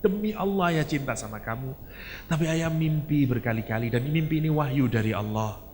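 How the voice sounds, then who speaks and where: A man acting out a loving old father who gently tells his son hard news, speaking softly and tenderly. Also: mid-range voice, animated, fairly quick, long reverb tail, slight background noise, lightly acted. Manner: soft, tender, pleading.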